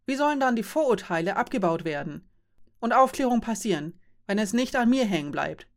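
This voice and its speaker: A woman's voice: on the high side, expressive, brisk. A woman voicing a frustrated young nonbinary person who argues with insistent, challenging questions.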